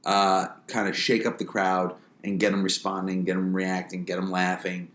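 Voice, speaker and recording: A man's voice: sits low, completely flat delivery, moderate pace, a bit bright. A man speaking as a comedian guest in a casual interview, explaining things in a wry, conversational way. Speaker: warm-up comedian, podcast guest. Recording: roomy, echoing interview recording.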